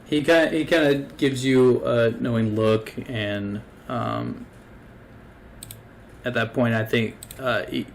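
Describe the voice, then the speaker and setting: A man's voice: medium pitch, creaky, a little hiss or hum. A man narrating a tabletop game as game master, casual and full of fillers. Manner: casual, hesitant, many fillers.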